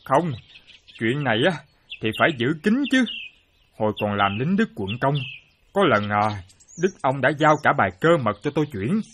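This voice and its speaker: An actor playing an excitable, boastful former soldier who loves chess, full of exclamations. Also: male voice, mid-range voice, moderate pace, long pauses, slight background noise, close to an everyday voice. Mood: earnest. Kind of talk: radio play acting.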